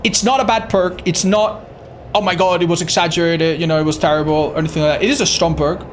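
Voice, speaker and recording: With a steady, medium-pitched voice and a quick pace, this game streamer commentates live, swearing casually and addressing viewers directly as man and dude. A little hiss or hum sits under the recording.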